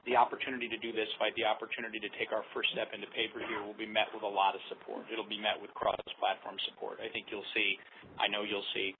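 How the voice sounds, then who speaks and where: A man's voice: on the low side, monotone, fast talker. A man speaking as a fight promoter on a conference call, emphatic and repetitive in corporate phrasing. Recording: tinny phone line, faint noise.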